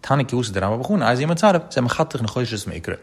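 A man giving a Talmud study lecture in a rapid, chanting delivery with frequent rises and falls. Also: medium pitch, sing-song, gravelly, slightly rough. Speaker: Talmud teacher.

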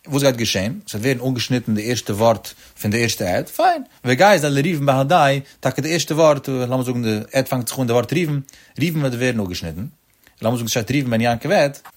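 Guy teaching a religious law class, singsongy up-and-down delivery, middle pitch, talks right to his listeners. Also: animated, fast. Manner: addresses listeners directly as friends. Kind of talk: explanatory religious lecture.

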